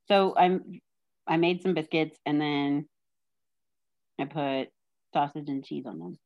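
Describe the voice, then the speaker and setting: A Texan woman, appearing as a podcast guest, chats casually and tells stories with jokes and self-deprecating humor. Her voice is low and slow, and the sound quality is lo-fi.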